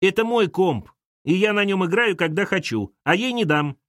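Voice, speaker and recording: A man's voice: sits high, lively intonation, normal speed, fairly bright tone, no room sound, clean studio sound, voice pushed up. A man doing a sulky defiant schoolboy. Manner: petulant, argumentative.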